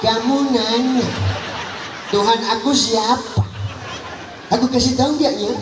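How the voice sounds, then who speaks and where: A man's voice: very high-pitched, steady tone, measured pace, crowd noise, voice pushed up. A man playing a cheeky dead man who mocks the angel, laughing through his teasing words. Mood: mocking. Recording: echoey, distant phone recording, noisy.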